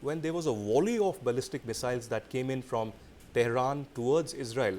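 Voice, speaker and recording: A man's voice: mid-range voice, darkish tone. Man, news interview host, formal questioning, long pointed phrasing, emphatic build-up, noticeable background noise.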